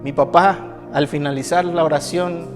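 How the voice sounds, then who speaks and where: High-voiced pastor preaching. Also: male voice, steady tone, moderate pace. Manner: emphatic, repeats phrases for effect, acts out quoted people. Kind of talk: sermon with a personal testimony. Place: church. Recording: church hall with long reverb and soft music.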